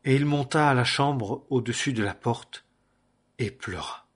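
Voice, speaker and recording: A man reading scripture aloud in a measured, solemn way, announcing paragraphs and verses. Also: mid-range voice. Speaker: scripture reader.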